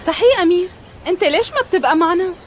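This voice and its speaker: A woman's voice: very high voice, animated, very fast. An actress playing an eager, coaxing young woman in a TV drama dub, with a Syrian Arabic accent. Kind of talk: dubbed TV drama dialogue. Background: loud music.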